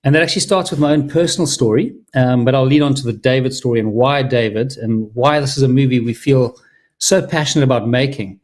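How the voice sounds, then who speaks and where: A man's voice: mid-range voice, a little fast, darkish tone. Earnest man talking film. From Zimbabwe. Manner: enthusiastic, heartfelt, with many restarts. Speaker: filmmaker presenting his film. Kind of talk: earnest personal talk to an audience.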